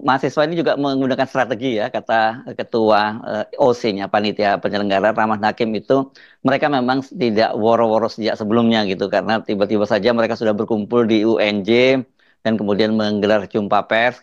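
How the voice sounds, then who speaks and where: A man giving conversational news commentary as a host, in a halting delivery. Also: on the low side, no room sound. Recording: slightly dull, dry close recording.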